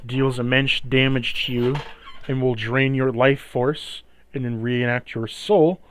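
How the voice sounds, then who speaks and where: A man's voice: mid-range voice, fairly even intonation, a little slow, a little hiss or hum. A man narrating a tabletop fantasy game as its game master, explaining events and rules to players.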